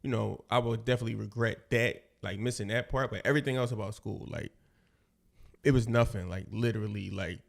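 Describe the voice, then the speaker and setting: Gravelly-voiced man in casual chat. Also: on the low side, steady tone, a little fast. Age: 40s. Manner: loose, slangy, rambling with restarts. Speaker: podcast co-host.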